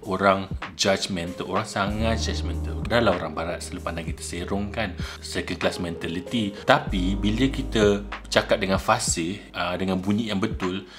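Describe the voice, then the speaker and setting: A young man from Malaysia with a Malaysian accent, talking casually to camera in his vlog, lively and mixing in English words. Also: moderate pace, over music. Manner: animated, mixes English into his talk, shifts pitch for emphasis. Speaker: vlogger.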